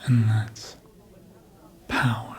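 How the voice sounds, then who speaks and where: In an ASMR roleplay, an actor plays a seductive vampire, a calm, menacing mind-controller who manipulates through a breathy, often whispered voice. Close to the mic, the darkish delivery is slow, deliberate, and hypnotic, full of long pauses and smug, with a slight hiss or hum in the recording.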